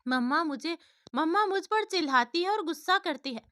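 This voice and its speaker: A woman's voice: extremely high pitch, animated, moderate pace, fairly bright tone, voice pushed up. A woman voicing a cheeky three-year-old boy in a storybook tale, talking in a broken, childish way. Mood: innocent. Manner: childish broken lisping speech.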